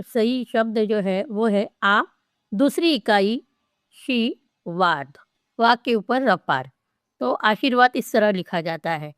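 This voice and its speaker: A woman teaching a spelling lesson, spelling out each word slowly and carefully, part by part. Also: fairly high pitch, no room sound, clean studio sound. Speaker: Hindi teacher.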